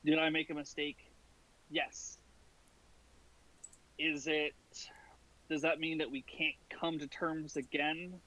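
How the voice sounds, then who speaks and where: A man playing a tabletop role-playing game, talking casually and haltingly as he improvises. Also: on the high side, little pitch movement, pushed and bright, rough recording.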